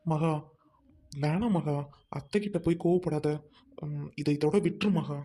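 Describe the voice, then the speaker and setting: Someone playing a mellow-voiced calm husband. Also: mid-range voice, unhurried, close to an everyday voice. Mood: soothing. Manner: soothing, restraining, then reproachful. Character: calm loyal young husband. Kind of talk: amateur drama skit.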